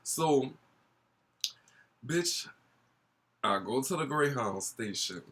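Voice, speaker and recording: A man's voice: medium pitch, animated, drawn-out words, fairly bright tone, breathy edge. A young man with a New Orleans accent telling a casual vlog story in a gossipy, sassy, slangy way. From New Orleans, USA. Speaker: YouTube storyteller.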